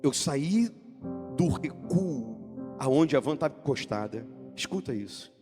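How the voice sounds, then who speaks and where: A man preaching a sermon dramatically, swinging between loud, half-sung phrases and hushed, low storytelling. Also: lively intonation, slow. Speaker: pastor. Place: church sanctuary. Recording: long church-hall reverb with music behind.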